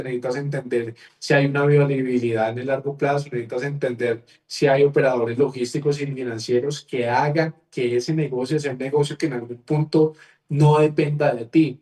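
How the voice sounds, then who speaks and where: A young man, making an earnest, persuasive business pitch to viewers with repeated phrases. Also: a little mellow, far from the mic. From Colombia. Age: 20s. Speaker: business opportunity presenter.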